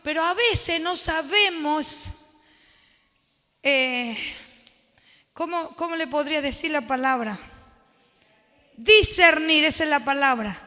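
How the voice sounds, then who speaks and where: A woman pastor leading an animated Bible study sermon, laughing often and acting out the quotes. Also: sits high, slow, long pauses, big-room sound.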